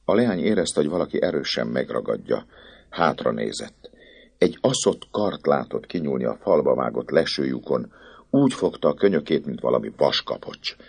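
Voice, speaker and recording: Male narrator, very deep gravelly voice, husky texture, lively expressive delivery. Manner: expressive, rising and falling with the drama. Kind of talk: dramatic audiobook narration.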